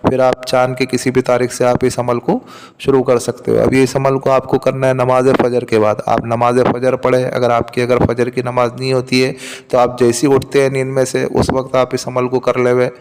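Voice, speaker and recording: A man's voice: medium pitch, completely flat delivery, normal speed, a little mellow, in a large hall, a little hiss or hum. A man giving religious instruction on a spiritual remedy, explaining each step and repeating his points. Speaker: religious teacher.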